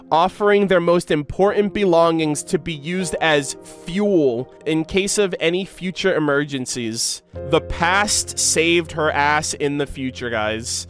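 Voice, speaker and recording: Reading a game's story text out loud on stream, this man reacts to the lore with loose, slangy, emotional commentary. His voice leans high.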